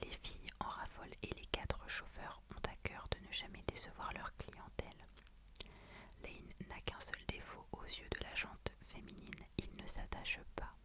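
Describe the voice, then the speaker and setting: A woman whispers throughout in a hushed, library-quiet ASMR style. Her voice is soft and breathy, almost entirely unvoiced, as she talks through books and reads their blurbs. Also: normal speed. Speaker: ASMR creator. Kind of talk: whispered ASMR book wishlist, reading out blurbs.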